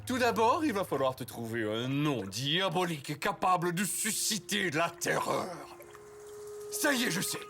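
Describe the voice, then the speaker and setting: Scheming cartoon fish villain: highish, animated pitch, pompous and gloating, music underneath. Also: male voice, a little slow, gravelly, exaggerated voice. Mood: smug, scheming. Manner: pompous, gloating, melodramatic villain with flowery phrasing. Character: scheming, vain villainous pet fish, theatrical and bossy.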